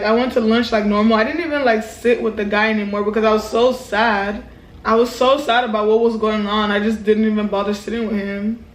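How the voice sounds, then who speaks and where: A young woman from a Nigerian family telling a storytime vlog in a lively, animated way, acting out quotes with exclamations. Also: fairly high pitch. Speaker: vlogger. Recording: roomy echo.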